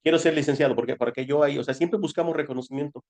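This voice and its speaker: With a somewhat high, slightly mellow voice, a man with a Mexican Spanish accent races through an informal spiritual lesson. He explains things conversationally, like a teacher, asking rhetorical questions and answering them.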